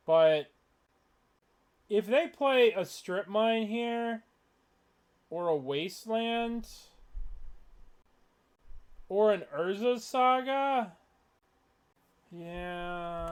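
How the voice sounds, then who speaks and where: A man's voice: high-pitched, clean tone. Man muttering over his card game. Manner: mutters and thinks aloud, swears when frustrated. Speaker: player commentating his own online card game matches. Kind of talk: casual gameplay commentary.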